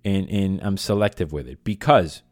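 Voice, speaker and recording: A man's voice: sits low, normal speed, darkish tone, dry recording, studio quality. A man hosting a casual, unscripted solo fan podcast, speaking in an emotional and passionate way. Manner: emotional, feelings-led, passionate delivery. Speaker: podcast host.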